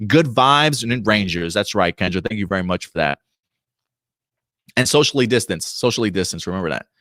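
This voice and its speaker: A man in his late thirties chats casually on a livestream, full of fillers and quick restarts. His voice sits on the lower side. The sound is close and dry, with no room echo. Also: lively intonation, fairly bright tone. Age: 30s. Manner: chatty, reads out viewer comments. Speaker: podcast co-host.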